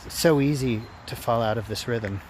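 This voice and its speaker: A man talking casually to his vlog in a reflective, halting way, often repeating phrases as he works through his thoughts. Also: mid-range voice, darkish tone, slight background noise. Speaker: vlogger. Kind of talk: casual personal vlog monologue.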